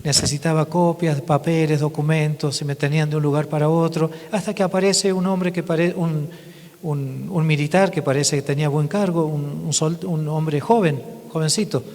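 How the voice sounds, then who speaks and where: A male priest speaks to a parish congregation with a slightly raised voice. He tells his stories haltingly, often breaking off and starting again. His voice trails into a long reverb in the church. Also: fairly high pitch, steady tone, darkish tone. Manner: halting storytelling with frequent restarts. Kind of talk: testimony talk to a parish congregation.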